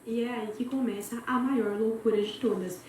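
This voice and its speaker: Brazilian woman storyteller, chatty and dramatic, warm low-key tone, recorded at a distance in a roomy space. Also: fairly even intonation, normal speed. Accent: Brazilian Portuguese. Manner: chatty, dramatic, talks straight to friends. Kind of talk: casual gossip storytelling. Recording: very echoey room, far from mic, faint noise.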